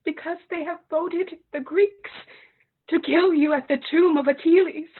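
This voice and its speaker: A woman's voice: extremely high pitch, steady tone, unhurried, phone-quality sound. An actress playing an old widowed queen turned slave, lamenting with crying in her voice. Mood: fearful. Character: old widowed enslaved queen, grief-stricken. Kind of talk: stage play reading.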